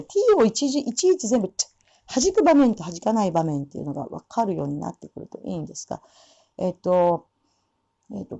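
A woman teaching English pronunciation for singing, with relaxed explanations and slow spoken demonstrations of English words. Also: mid-range voice, slightly rough. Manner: demonstrates English sounds slowly between explanations. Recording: dull lo-fi sound.

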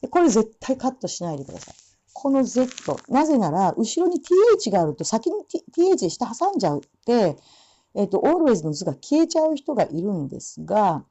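A woman teaching English pronunciation for singing, with relaxed explanations and slow spoken demonstrations of English words. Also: a little high, breathy edge. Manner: demonstrates English sounds slowly between explanations. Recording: dull lo-fi sound.

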